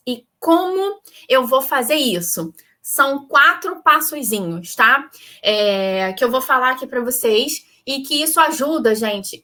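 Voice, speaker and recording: A Brazilian woman psychologist with a high, bright, forward voice. She gives parenting advice in an instructive way and often checks in with a quick "right?". Her talk is clear and encouraging. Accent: Brazilian Portuguese. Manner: didactic, frequent checking "tá?" tags.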